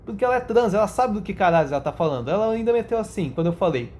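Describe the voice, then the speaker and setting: A profane, blunt vlogger tells stories straight to camera in loose slang, with a voice pitched in the middle range. They laugh at their own anecdotes and mimic other people's voices when quoting them. A faint hum of room ambience sits underneath. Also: lively intonation, rapid-fire, darkish tone. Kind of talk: casual rant to camera.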